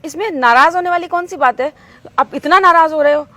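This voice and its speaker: A woman's voice: high voice, a little fast, background noise, natural voice. A woman playing a polite middle-aged mother who patiently asks a stranger for help in a short acted skit. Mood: pleading.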